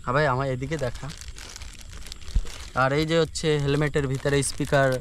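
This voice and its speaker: A young moto vlogger from rural India chats to camera like he's talking to a buddy, much like an unboxing video. His mid-range voice is steady and brisk, he repeats filler phrases, and noisy outdoor ambience surrounds him.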